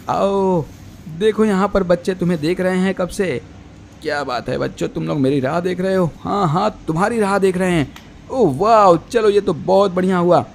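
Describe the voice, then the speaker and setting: A man narrating toy play for children on a toy channel, exclaiming in a lively way. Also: high voice, slight background noise.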